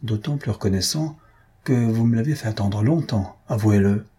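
A man voicing a lonely, kind country gentleman who grumbles and reproaches his friend. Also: fairly low pitch, normal speed, husky. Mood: cordial.

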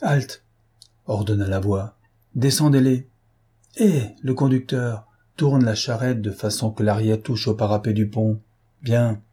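A man voicing a cold criminal leader who gives curt, hushed orders in an audiobook. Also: lowish voice, measured pace, slightly rough. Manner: curt, commanding, hushed menace. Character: cold male gang leader giving orders.

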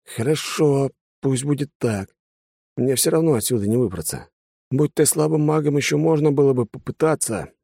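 A man's voice: fairly high pitch, a little fast, creaky, mellow, no echo, studio quality, voice pushed up. Man voicing a weary turncoat bandit. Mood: resigned. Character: cowardly mercenary bandit, pragmatic, tired.

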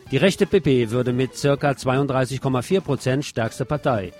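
A man with a medium-pitched voice hosts scripted radio news commentary, delivering it in a wry, deliberate way with emphatic phrasing.

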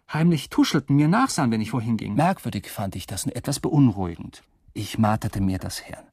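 An actor in a radio drama speaking a wry, rambling, drunkenly philosophical first-person monologue in a gravelly, husky voice. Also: male voice, medium pitch, a little mellow, no room sound, studio quality. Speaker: narrator and protagonist.

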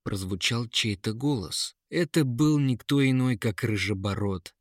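A man narrating a fairy tale in a measured, expressive way. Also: mid-range voice, dry recording, clean studio sound.

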